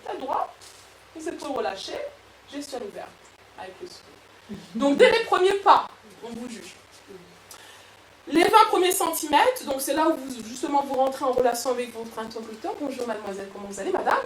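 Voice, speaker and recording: A woman coach giving a lively motivational workshop talk to an audience, with frequent restarts. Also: sits high, normal speed, long pauses, a little hiss or hum. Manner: lively, animated, with many restarts. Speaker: personal development coach. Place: event room with an audience. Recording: echoey room, far from mic.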